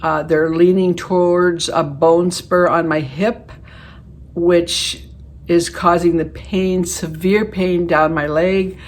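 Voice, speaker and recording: A woman's voice: on the low side, steady tone, takes it slowly. A woman in her late seventies, talking casually to the camera about skincare from her living room, folksy and chatty with self-deprecating jokes. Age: 70s. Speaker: beauty vlogger.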